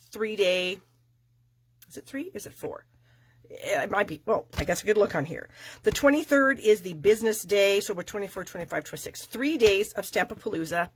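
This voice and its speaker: A woman's voice: medium pitch, a little hiss or hum. A middle-aged woman with a nasal, stuffy voice from a cold chats with viewers in a casual, rambling way as the host of her own craft video. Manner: chatty and rambling, with many fillers. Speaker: stamping demonstrator hosting a live craft video.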